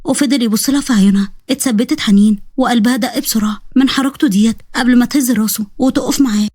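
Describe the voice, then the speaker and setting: A woman storyteller with an Egyptian accent, narrating a drama story in a fast, conversational way. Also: on the high side, a little mellow, dry recording, studio quality. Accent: Egyptian Arabic.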